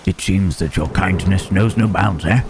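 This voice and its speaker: A man playing a lonely, humble, gentle-hearted monster in an intimate ASMR roleplay, speaking haltingly and repeating his words with murmured questioning tags. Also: deep voice, natural voice. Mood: humbled, disbelieving. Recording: rain and thunderstorm noise behind. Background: rain and thunder.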